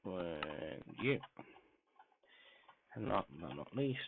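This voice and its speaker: A man streaming a game, talking softly and muttering to himself as he crafts, his grainy voice muffled as if heard through a wall. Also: sits low, lively intonation, very slow, gravelly, background noise. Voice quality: grainy voice when quiet. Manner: talks softly, mumbling to himself while crafting. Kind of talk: casual live-stream gameplay commentary. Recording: muffled phone-like mic with faint music.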